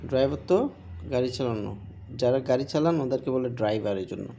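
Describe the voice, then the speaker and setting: A man teaching an online English grammar lesson, slowly repeating verb forms to drill pronunciation. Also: mid-range voice, expressive, dark tone, a little hiss or hum.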